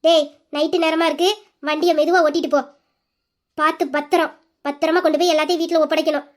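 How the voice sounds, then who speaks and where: A woman voicing a firm, protective elder sister who gives steady, commanding instructions in an audio drama. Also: high voice, fast, voice pushed down, natural voice.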